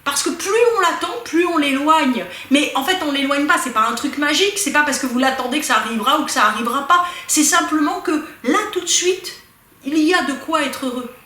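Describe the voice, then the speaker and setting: A woman giving a casual spiritual talk, lively and animated, speaking straight to her listeners with many asides. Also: sits high, brisk, roomy sound. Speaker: spiritual teacher.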